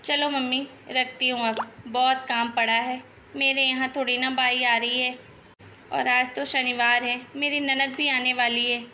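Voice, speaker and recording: A woman's voice: high-pitched, little pitch movement, unhurried, bright, forceful tone, muffled recording, a little hiss or hum. A woman voicing a chatty young daughter-in-law in a cartoon, complaining about her in-laws. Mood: gossiping. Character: gossipy young daughter-in-law, lazy and talkative. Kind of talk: cartoon voice acting.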